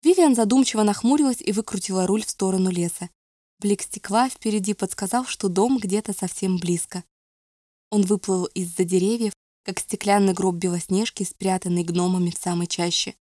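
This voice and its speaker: A woman calmly narrating an audiobook. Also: medium pitch, moderate pace, no echo, studio quality. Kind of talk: scripted narration.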